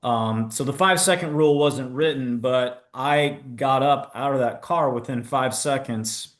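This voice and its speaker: A middle-aged entrepreneur, appearing as a podcast guest, candidly recounts his own story in a casual interview, using a mid-range voice at a measured pace. He pokes fun at himself and occasionally stammers into restarts.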